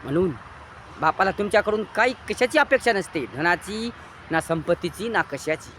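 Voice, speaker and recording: Marathi male lecturer, high and sharp-toned, repetitive emphatic moral sermonizing. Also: expressive, normal speed, a little hiss or hum. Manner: preachy, repetitive, swings between loud emphatic bursts and low quiet lines. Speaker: motivational speaker.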